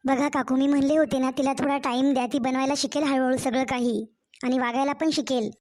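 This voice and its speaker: A woman voicing a calm, soothing young neighbour in a cartoon story, with a Marathwada Marathi accent. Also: high-pitched, brisk, lightly acted.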